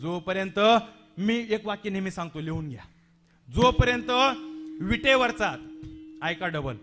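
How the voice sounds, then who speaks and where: A man's voice: high-pitched, animated, unhurried, fairly bright tone, faint music behind. A man preaching a devotional kirtan sermon with a Marathi accent, dramatic and full of rhetorical questions and repetitions.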